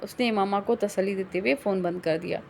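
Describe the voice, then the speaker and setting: A woman narrating a novel as an audiobook in a steady, even storytelling way. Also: medium pitch, vocal fry, slight background noise.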